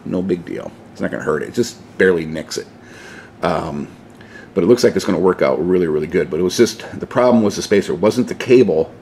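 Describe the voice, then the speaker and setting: A DIY video host talks in a low voice at a quick clip, his tone a little mellow over a faint hiss or hum. He's filming a casual how-to vlog on a handheld camera he holds himself, walking through steps informally and a bit saltily beside a pickup truck in his home garage.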